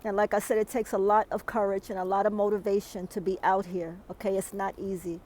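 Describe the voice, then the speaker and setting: A woman's voice: mid-range voice, level tone, a little fast, a little mellow, a little hiss or hum, low-quality recording. A woman, out of breath, filming a weather vlog outdoors in a snowstorm and often adding "okay?" to her emphatic advice. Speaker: vlogger.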